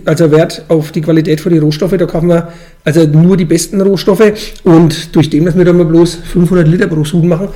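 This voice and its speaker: Interviewed casually, this Franconian brewery owner and brewmaster explains things in quick, colloquial dialect speech. He is in his 40s, hails from Franconian Switzerland in Bavaria, Germany, and has a mellow voice of fairly high pitch.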